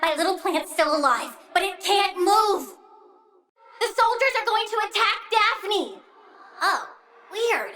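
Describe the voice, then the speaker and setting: This is a full character voice for a tiny, bratty plant-girl villain in a video game, delivering her lines extremely high and sharp, slowly and expressively from a distant mic. She drags out each threat with childlike petulance and sing-song glee in cruelty, sounding sulky and bossy.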